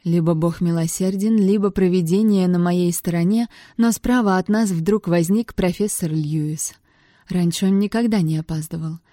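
A woman narrates a first-person novel in a low, mellow voice with a wry, sardonic edge. The recording is dry and close, with no room sound. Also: moderate pace, dry recording. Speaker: audiobook narrator.

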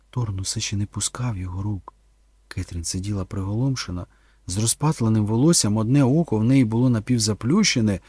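A man reading a dramatic audiobook, with tense narration that drops low and slow in the dark passages. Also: husky, no room sound, clean studio sound.

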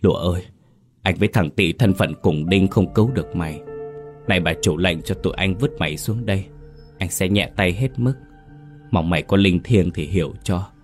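Story voice: man playing hoarse, resigned older servant, low and grim. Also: moderate pace, faint music behind, natural voice. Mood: grim warning.

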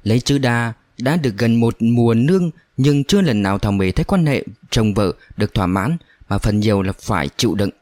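A man narrating a storybook in a steady, unhurried way. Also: mid-range voice, no echo, clean studio sound.

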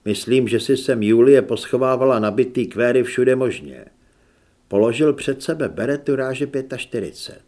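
A male audiobook reader voicing an easygoing young man who reports things plainly and is quick to apologize. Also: mid-range voice, a little mellow, lightly acted. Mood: matter-of-fact.

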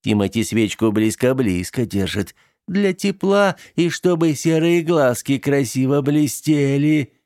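Man voicing a spiteful teenage boy, hissing and slow, sneering, storybook role. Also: medium pitch, expressive, darkish tone, no echo, studio quality, voice pushed up. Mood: sneering taunt. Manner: hissing, taunting.

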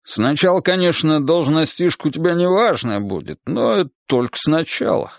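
Brash rich buddy, high and swinging, a man doing the voice for an audiobook. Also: animated, normal speed, vocal fry, no echo, studio quality. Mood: boisterous. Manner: hearty, pushy, higher and louder than the narration. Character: boisterous rich middle-aged man, brash friend.

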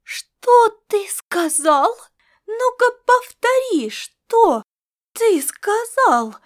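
Woman doing a shrill alien cat woman, high and piercing, loud scolding, audiobook character. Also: expressive, takes it slowly, exaggerated voice. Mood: furious. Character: irritable female alien star cat crewmate.

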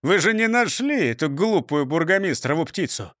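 A man's voice: on the high side, big pitch swings, moderate pace, fairly bright tone, no echo, studio quality. A man doing a pompous blustering police chief. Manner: blustering, then mumbling.

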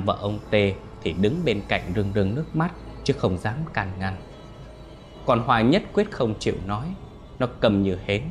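A man narrating a scripted ghost story in a measured, expressive way. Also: on the low side.

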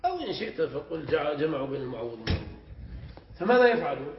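A man with a slightly high voice gives a classroom lecture as a sheikh, drawing out key word forms and tossing questions to his students. The sound is dull and lo-fi, with plenty of room echo around him. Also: sing-song, very fast, background noise. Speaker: sheikh teaching Arabic morphology.

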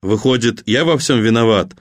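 A man's voice: medium pitch, moderate pace, natural voice. A man reading a novel aloud, voicing a bitter journalist who speaks with sarcasm.

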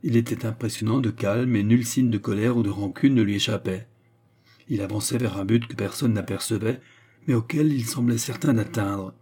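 A man reading a story aloud in measured, scripted narration. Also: lowish voice, warm tone, breathy edge. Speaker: audiobook reader.

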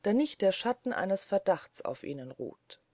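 A reader voicing a stern male judge who speaks in a measured, formal way. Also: mid-range voice, sing-song, a little mellow, no room sound, studio quality.

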